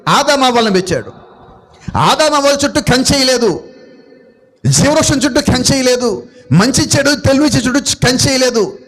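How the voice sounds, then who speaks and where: Man, Telugu accent, very high voice, preacher, sermon, asks and answers questions. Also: fairly bright tone. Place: church gathering.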